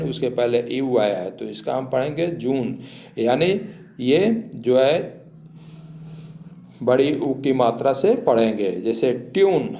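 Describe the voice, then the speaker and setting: Slow man spelling out words. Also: medium pitch, dark tone. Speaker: English teacher. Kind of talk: spoken classroom lesson. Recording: echoey room.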